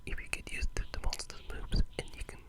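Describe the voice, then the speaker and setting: This gaming ASMR clip features a video creator whispering breathily without voicing, talking fast in a loose, rambling, excited way.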